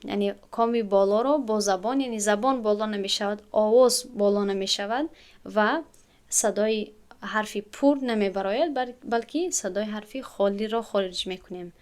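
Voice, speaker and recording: A woman's voice: mid-range voice, a little mellow, smooth. A woman teaching a recitation lesson, explaining patiently and drawing out syllables to demonstrate how they sound. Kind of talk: tajweed lesson to students.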